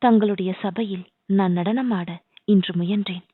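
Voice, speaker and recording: A woman's voice: mid-range voice, fairly even intonation, unhurried, a little hiss or hum, close to an everyday voice. A woman reading the part of a devoted young dancer, pleading with heartfelt, devotional feeling. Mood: devoted, yearning. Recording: dry, tinny phone-like sound.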